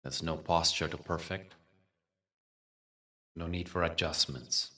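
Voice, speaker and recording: This meditation guide has a very deep voice with fairly even intonation and a sharp tone. His soothing delivery is very slow and broken by long, measured pauses. He sounds a bit far from the microphone.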